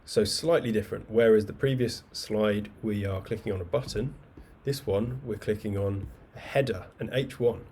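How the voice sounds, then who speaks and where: Low-voiced man teaching code on a video call. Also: moderate pace, hardly any pauses. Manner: relaxed, chatty explaining with asides and fillers. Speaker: coding bootcamp instructor. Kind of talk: live online coding lecture. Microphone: webcam video call mic. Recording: faint background noise.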